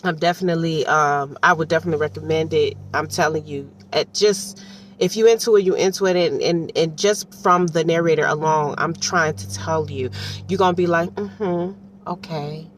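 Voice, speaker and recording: A Detroit audiobook reviewer with an American accent talks in a low-pitched voice, fairly even in intonation and moderate in pace. Her commentary is casual, slangy and rambling, full of asides, and the distant mic picks up faint background noise.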